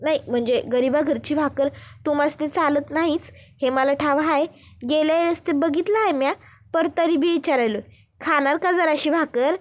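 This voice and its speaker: A woman's voice: sits high, normal speed, lightly acted. A woman voicing a chatty, sly young village woman who talks in rustic speech. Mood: teasing.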